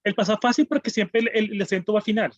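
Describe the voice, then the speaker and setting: Fast high-voiced man. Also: no echo. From Colombian Caribbean coast. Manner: quick, hesitant, thinking aloud. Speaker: student. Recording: dry muffled lo-fi line.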